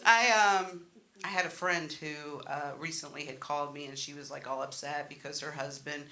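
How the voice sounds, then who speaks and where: A woman's voice: low voice, fairly even intonation, moderate pace. A middle-aged woman doing a live stand-up set, telling stories in a brash, bawdy, self-deprecating way. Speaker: stand-up comedian. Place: comedy show in front of an audience. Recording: noisy live room with loud audience laughter. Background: loud crowd laughter and noise.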